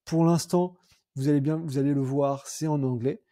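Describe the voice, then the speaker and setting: A young man demoing software in a screen-recorded tutorial, chatty and thinking aloud with fillers and self-corrections. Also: on the high side, steady tone, moderate pace, no room sound, studio quality. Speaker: CRM consultant demoing software.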